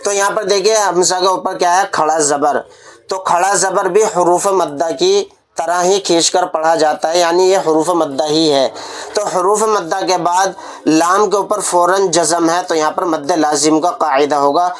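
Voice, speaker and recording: Teaching Quran reading letter by letter, this man has a high voice, a steady tone and a moderate pace. His step-by-step recitation lesson lingers on the long vowels, giving students the chance to repeat after him.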